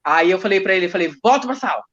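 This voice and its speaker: A woman teacher, recounting school stories in an emotional, animated way. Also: mid-range voice, fast talker, lo-fi sound. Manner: emotional, animated retelling with quoted speech. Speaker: teacher guest. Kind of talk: storytelling in a casual interview.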